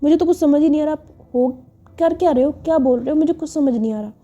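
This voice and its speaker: A woman's voice: a little high, normal speed, warm tone, lightly acted. Amanya, a woman doing a cool evasive young woman. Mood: cold. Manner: offhand, brushing off questions. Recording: slightly dull recording, faint music.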